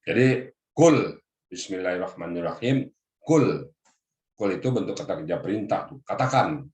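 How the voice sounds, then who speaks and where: A deep, low-pitched man teaches a group on a video call, walking through the grammar of each word. He often turns to his listeners with a polite "Pak". His voice rings a little in an echoey room. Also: animated, moderate pace, a little mellow. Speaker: religious teacher. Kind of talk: Quran exegesis lesson to a group.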